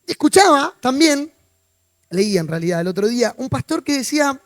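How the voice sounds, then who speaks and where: A man's voice: very high voice, big pitch swings, moderate pace, dry recording, clean studio sound. A man with a Rioplatense accent, preaching as a pastor in an informal, conversational way, asking his congregation questions and slipping in jokes. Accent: Rioplatense Spanish. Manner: informal, asks the congregation questions, joking asides. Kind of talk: conversational sermon. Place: church.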